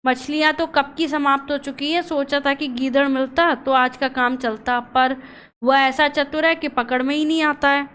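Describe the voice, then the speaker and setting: A woman's voice: sits high, flat delivery, moderate pace, a bit bright. A woman voicing a hungry, gloomy male crocodile who pleads with his friend, reading a storybook play aloud.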